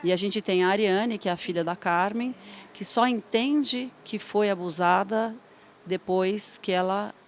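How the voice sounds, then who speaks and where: A woman speaking in a behind-the-scenes interview, measured and reflective, pausing and restarting as she explains. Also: medium pitch, slight background noise.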